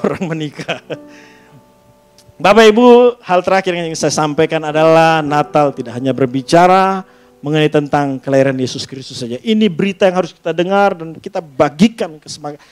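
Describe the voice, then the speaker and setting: A male pastor delivers a sermon in a church, his voice sitting a bit high as he calls out to the congregation for an amen. He mixes plain teaching with joking asides, and a soft musical instrument plays faintly behind him. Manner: lively preaching, often asking the congregation for an amen.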